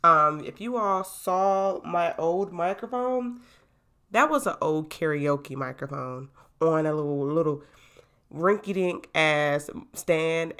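A young woman hosting her own podcast, talking casually in an animated, hype-building way into a new microphone. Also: deep voice. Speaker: podcast host. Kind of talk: casual solo podcast talk.

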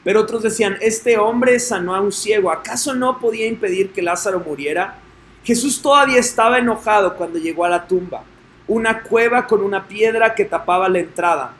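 A man's voice: high-pitched, fairly quick, a bit bright, a little hiss or hum. A man reading scripture and preaching earnestly, asking listeners direct questions. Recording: echoey room with faint ambience.

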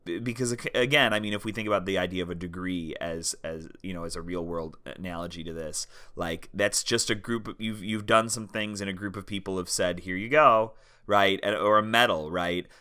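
Low-voiced man musing on film. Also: fairly even intonation, fairly quick, hardly any pauses, sharp tone, smooth. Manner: rambling, circles back with "right?". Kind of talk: casual academic discussion.

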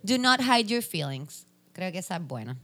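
A woman's voice: lowish voice, big pitch swings, moderate pace, bright, forceful tone. A young adult woman, chatting casually on a podcast, reading items aloud and joking. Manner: reads list items aloud, then jokes and laughs. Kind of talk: casual chat.

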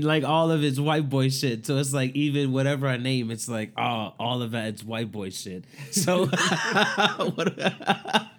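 This young man talks in a loose, unfiltered way, swearing freely and laughing between his phrases. His voice sits at an ordinary mid pitch for a man. It is relaxed podcast banter between friends. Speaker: podcast co-host. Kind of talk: casual chat.

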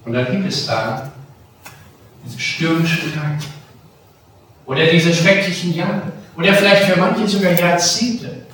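A man pastor giving a lively sermon, slowing down on key phrases and swelling loud at times, recorded in a large church hall. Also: fairly high pitch, slight background noise. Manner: lively preaching with slow, stressed phrases and sudden swells in volume. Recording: very echoey church from a distance.

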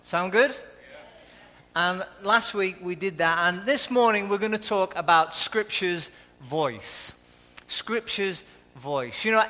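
Lancashire male preacher, conversational, high and forceful, live in a reverberant church. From Lancashire, England. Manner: conversational, asks the audience questions. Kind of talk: live sermon. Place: church hall.

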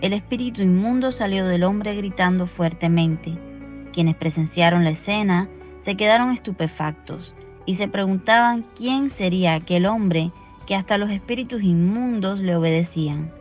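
Woman reading a gospel reflection, calm and steady, kinda muffled lo-fi sound, quiet music behind. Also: mid-range voice, normal speed. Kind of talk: scripted devotional narration. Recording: dull lo-fi recording.

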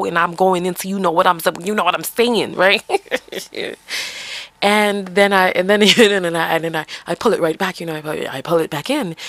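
Woman, from the Bronx, slight New York accent, fairly low pitch, earnest podcast monologue. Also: fairly bright tone, dry recording. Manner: earnest, coaching, asks many rhetorical questions. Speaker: podcast host. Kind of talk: reflective solo monologue.

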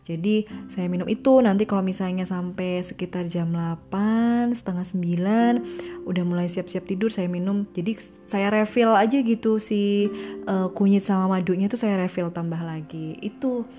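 A woman's voice: medium pitch, steady tone, normal speed, dark tone, faint music behind. A woman talking casually to her followers about her recovery routine, acting out little quoted exchanges as she goes. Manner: chatty, acts out small quoted exchanges. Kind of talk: casual personal talk to followers.

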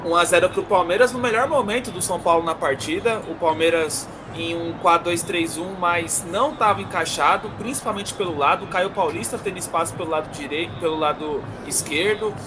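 Brazilian male football analyst over clear noise. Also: high-pitched, brisk, few pauses. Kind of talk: live tactical commentary. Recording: clear outdoor ambient noise.

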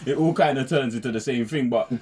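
A man's voice: mid-range voice, quick pace, noisy background. A young man, co-hosting a casual chat and explaining his points in street slang. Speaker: show co-host.

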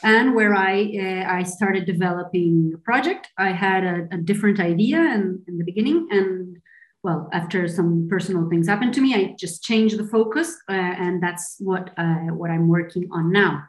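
A woman's voice: lowish voice, moderate pace, reverberant, poor audio. A young adult woman from Argentina, a filmmaker being interviewed, speaking earnestly in conversational English with frequent restarts.

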